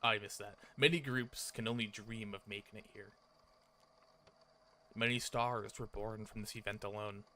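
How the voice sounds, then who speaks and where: In this livestream, the man reads visual novel text aloud and chats casually, with occasional swearing, while game music plays. His lowish voice is sharp in tone, fairly even, and moderately paced, with slight background noise.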